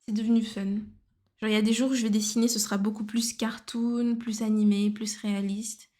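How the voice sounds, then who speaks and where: A fairly high-voiced woman talks loosely to her livestream audience as she draws. She drifts in and out of English phrases and hums or mutters to herself between thoughts. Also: level tone, a little fast, mellow. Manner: chatty, mixes English phrases into French. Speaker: art livestreamer. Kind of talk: casual livestream chat while drawing.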